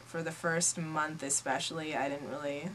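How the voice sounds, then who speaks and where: A nineteen-year-old Norwegian woman, a native Norwegian speaker, answers interview questions casually and keeps saying "like" as a filler. Her voice is low, steady and fairly bright, at a normal speed.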